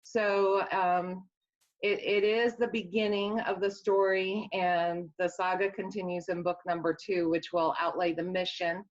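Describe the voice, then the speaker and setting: A woman with a Midwestern accent, an author guest in a casual interview, speaks earnestly about her work, rambling a little and restarting sentences. Her voice is fairly low with little pitch movement and a slightly slow pace, and the recording sounds dull and lo-fi.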